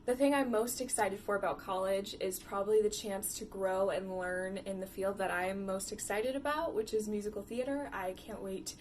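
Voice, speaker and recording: A woman's voice: medium pitch, fairly even intonation, normal speed, hardly any pauses, a little mellow, a little hiss or hum. An eighteen-year-old woman from Arizona, eagerly introducing herself as a theater student. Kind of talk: self-introduction.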